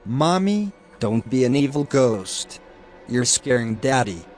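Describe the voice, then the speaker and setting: A man voicing a small, earnest young boy who speaks slowly and gently. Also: medium pitch, big pitch swings, faint music behind. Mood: pleading.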